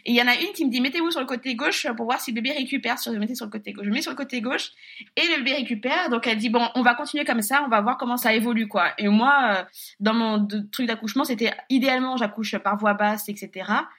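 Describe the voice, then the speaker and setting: A young woman tells a personal story in a relaxed, chatty way, laughing often and dropping the odd swear word. Her voice is bright and clear, sitting a touch high for a woman. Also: quick pace. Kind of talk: casual storytelling chat.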